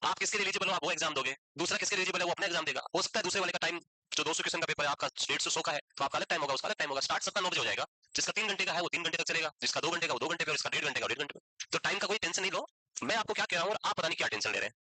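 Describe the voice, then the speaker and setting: A man's voice: a little high, racing, pushed and bright, no echo, low-quality recording. A young man tutoring nursing exam students in a chatty, reassuring lecture, telling stories and mimicking anxious students. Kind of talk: casual Hindi lecture.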